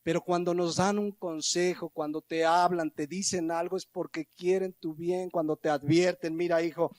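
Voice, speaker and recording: A middle-aged Mexican pastor delivers his sermon with a notably high-pitched voice. He is lively and animated, acting out everyday scenes, then slows right down to stretch the words that matter. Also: no room sound. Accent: Mexican Spanish. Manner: animated, acts out little scenes with quoted voices.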